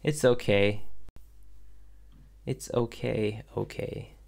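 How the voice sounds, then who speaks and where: A young Swedish independent animator chats casually on a livestream, answering viewer questions hesitantly and softly with lots of ums and restarts. His voice is fairly low, steady in tone, creaky, and extremely slow.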